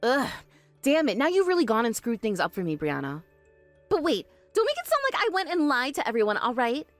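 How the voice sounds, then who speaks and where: A woman doing a shrill spoiled bride. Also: huge pitch swings, fairly quick, no room sound, faint music behind. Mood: flustered. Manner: shrill, demanding, defensive. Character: spoiled young bride, bossy and whiny. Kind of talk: animated story voice acting.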